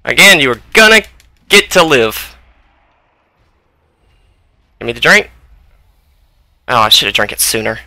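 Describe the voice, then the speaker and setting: A man's voice: mid-range voice, sing-song, unhurried, long pauses, sharp tone, dry recording. A young man giving profane, frustrated commentary while playing a video game at home on a close desk mic. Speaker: gaming video creator. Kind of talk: gameplay commentary.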